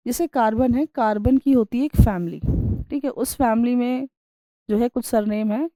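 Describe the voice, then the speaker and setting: Reading English lines at a slow pace before explaining them in Hindi with everyday examples, a woman teaches a science class and repeatedly checks in with her students. Her voice is a little high with a dark tone, and the recording is dry and rough.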